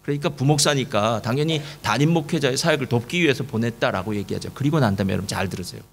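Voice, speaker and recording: A man preaching a sermon to a church congregation, telling a story with lively asides and rhetorical questions to the listeners. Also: mid-range voice, racing, creaky, slight background noise. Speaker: pastor. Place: church service.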